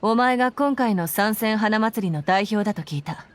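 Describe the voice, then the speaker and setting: A woman speaks fast and expressively at a medium pitch, close to her everyday voice, as a stern, dutiful military commander in a Japanese video game. The lines are formal, clipped and earnest, with faint music behind them.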